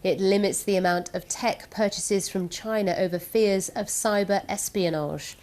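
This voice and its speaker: Woman co-anchor, mid-pitched, even deliberate headline read. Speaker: co-presenter reviewing papers. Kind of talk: broadcast news reading. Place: TV news studio.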